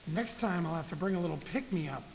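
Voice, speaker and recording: Game role: weary young man in a rebel crew, high creaky voice. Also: animated, fairly quick, long reverb tail, a little hiss or hum, poor audio. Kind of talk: video game voice acting.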